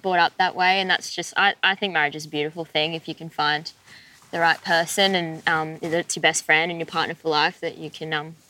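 A woman's voice: low voice, little pitch movement, brisk, pushed and bright, rough recording. A woman, chatting sincerely in a casual group conversation. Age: 20s. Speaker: guest.

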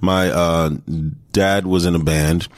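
A man from Texas in his thirties, an actor guest telling his story in a relaxed interview, often pausing and restarting his sentences. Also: low voice, no echo, clean studio sound. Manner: hesitant, many restarts and fillers. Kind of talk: casual interview talk.

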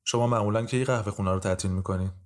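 A man voicing a stern, impatient male judge who questions in brisk, curt sentences. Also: lowish voice, steady tone, close to an everyday voice.

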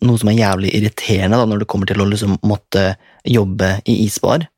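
A man's voice: lowish voice, fairly even intonation, darkish tone, no room sound. A young man casually telling a story in a rambling way. He swears often and laughs as he goes.

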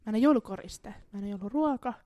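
A woman's voice: mid-range voice, mellow, no echo. A woman co-hosting a casual podcast game, playful and giggly, sometimes dropping to a near whisper. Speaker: podcast co-host.

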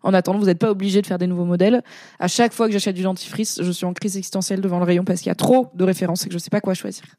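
A woman's voice: lowish voice, fairly even intonation, very fast, mellow, no echo, clean studio sound. A woman streamer in casual live chat, rambling along with many fillers and asides as she reacts to comments. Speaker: streamer and content creator.

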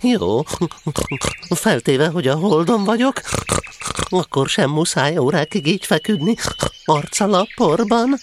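An actor playing a small, timid, fretful but polite piglet in a children's radio play. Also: male voice, a little high, animated, natural voice. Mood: puzzled. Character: small, timid, anxious, well-meaning male piglet. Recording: clearly audible background noise.

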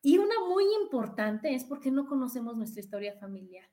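A woman's voice: fairly high pitch, very animated, a little fast, warm tone. A middle-aged woman with a Mexican accent, hosting a casual motivational talk with a confiding manner, many restarts and fillers. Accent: Mexican Spanish. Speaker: podcast host.

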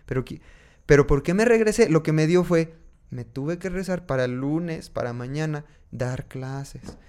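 Animated man with a higher voice. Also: normal speed, clean tone. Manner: animated, acts out his own inner dialogue. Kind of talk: casual personal storytelling.

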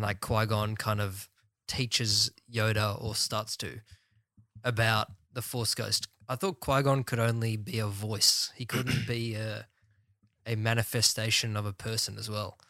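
A man's voice: lowish voice, bright, forceful tone, no room sound. A man on a podcast panel, talking things through with lots of hesitation and fillers. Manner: thoughtful, filler-heavy, hesitant. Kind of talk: casual chat.

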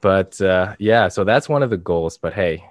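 Male podcast co-host, low register, monotone and casual, recorded dry and close. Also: normal speed, no echo. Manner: monotone, flat delivery.

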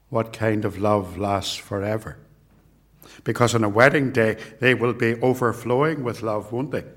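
A man preaching a sermon and reading scripture deliberately, with rhetorical repetition. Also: fairly low pitch, fairly bright tone.

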